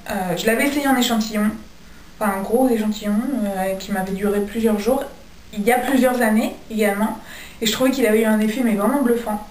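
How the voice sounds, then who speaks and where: This young beauty vlogger has a slightly high, slightly mellow voice as she chats casually about her skincare products, hesitating often. The recording sounds echoey, with the mic set at a distance.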